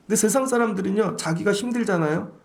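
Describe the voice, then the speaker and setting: Male pastor, high and gravelly, animated sermon delivery. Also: quick pace. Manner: animated preaching, acting out voices of others.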